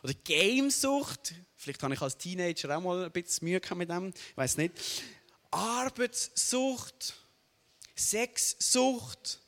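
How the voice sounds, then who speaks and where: A young adult man with a Swiss German accent preaching a sermon, often checking in with the audience. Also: sits high. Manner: animated, asks the audience "oder?" often. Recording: long hall reverb.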